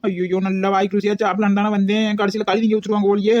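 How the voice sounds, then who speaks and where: A woman's voice: mid-range voice, little pitch movement, very fast, a little mellow, no room sound, dull audio. A woman playing a brash, boastful guest in a comic skit. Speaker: guest relative.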